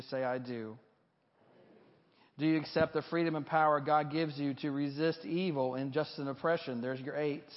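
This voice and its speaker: A male pastor leading liturgy and prayer in measured, formal phrasing before a congregation, with a cathedral-like echo. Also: a little high. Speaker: pastor leading a baptism reaffirmation service. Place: large reverberant church. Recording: muffled recording with long church reverb, cathedral-like echo.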